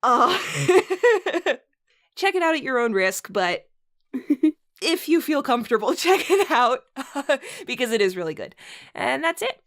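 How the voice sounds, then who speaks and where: This host and reader has a high, slightly bright voice with big pitch swings, and she takes things slowly. Her comedic read-aloud is full of casual chat, and she's giggly, frequently laughing mid-sentence.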